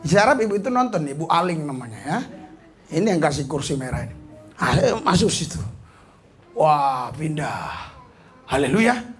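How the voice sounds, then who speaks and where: A man from Indonesia, a pastor preaching a sermon in an animated, storytelling way, throwing in hallelujahs between his points and falling into casual slang. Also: on the high side, moderate pace, long pauses.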